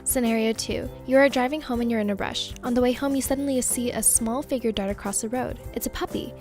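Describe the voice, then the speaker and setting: Higher-voiced woman reading scenarios. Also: fast, darkish tone. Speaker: reader of survey scenarios. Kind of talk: scripted reading. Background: background music.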